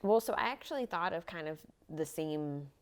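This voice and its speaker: Low-pitched young woman, lively intonation. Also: normal speed. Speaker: podcast co-host. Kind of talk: casual chat with partner.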